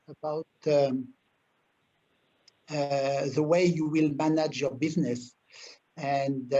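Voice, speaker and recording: A man with a French accent, a native French speaker, answering on a webinar panel in a halting way, with many fillers and repeated words. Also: fairly high pitch, dark tone. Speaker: panelist, food industry investor. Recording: dull lo-fi webinar audio.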